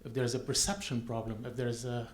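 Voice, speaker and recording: A man puts a question to a panel from the audience, halting and searching for words with many fillers. His mid-range voice rings in a roomy hall, with faint noise behind. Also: mid-range voice, flat delivery. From Syria, Aleppo. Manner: hesitant, many fillers and restarts. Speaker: audience member asking a question.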